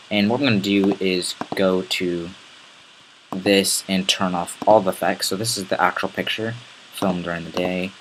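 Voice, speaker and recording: A man with a raspy voice giving a casual, rambling step-by-step software tutorial. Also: sits low, a little hiss or hum, low-quality recording. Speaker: tutorial host. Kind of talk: screen-recorded software tutorial.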